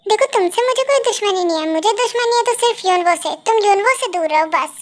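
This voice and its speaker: A woman's voice: very high-pitched, expressive, fast talker. A woman voicing an arrogant young male college mafia heir who talks curt and bossy in a voiced story reading. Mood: scheming. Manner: bossy, curt, grudgingly apologetic.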